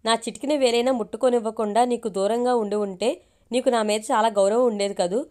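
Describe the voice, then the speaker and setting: A woman's voice: on the high side, steady tone, fairly quick, dark tone, lightly acted. Hurt, proud young woman, read by a woman. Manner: wounded, reproachful speech.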